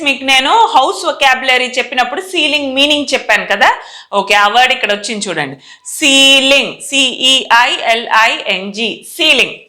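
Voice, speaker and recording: A woman with a Telugu accent teaching English pronunciation slowly, spelling words letter by letter and repeating them for her viewers. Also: high voice, pushed and bright. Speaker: spoken English tutor. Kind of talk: slow classroom pronunciation lesson. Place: indoor teaching setup with a screen.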